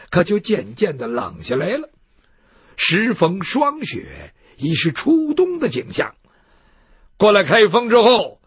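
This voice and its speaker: A man's voice: sits high, fairly bright tone, breathy edge, no echo. A man telling a martial tale in a vivid, rhythmic, dramatic traditional storytelling style.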